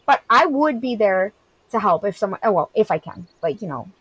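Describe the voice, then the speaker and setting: Woman streamer, 30s, mid-pitched, candid and rambly, dry close sound. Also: animated, a little fast, a bit bright, slightly rough, no room sound, poor audio. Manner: candid, rambling, heavy use of "like". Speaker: game streamer. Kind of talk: casual chat, reading and answering live chat.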